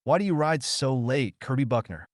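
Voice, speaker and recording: A man's voice: mid-range voice, very animated, moderate pace, no echo, pitched above the performer's own voice, close to an everyday voice. A sly young woman stranger teases and taunts in a lilting, raised voice, as a male narrator puts her on. Her tone swings widely and plays with the listener, close and dry as in a storybook recording. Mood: taunting.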